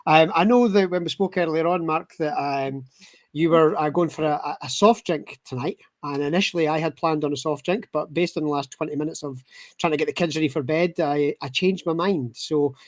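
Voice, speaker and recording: A man's voice: fairly high pitch, brisk, dry recording. A Scottish man in his thirties, guest-hosting a casual podcast chat, joking and rambling with lots of fillers. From Scotland. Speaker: guest host.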